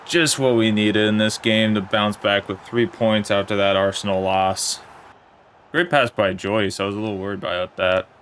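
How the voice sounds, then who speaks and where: A young man giving casual play-by-play commentary on a football video game match, in a plain, steady way that turns let down when his side concedes. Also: on the low side, moderate pace, a little hiss or hum. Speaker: gaming commentator.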